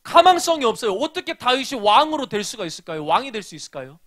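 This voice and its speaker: A man preaching a children's sermon as a pastor, telling a story and asking the children questions, moving between loud emphasis and hushed asides. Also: high voice, very animated, fast talker.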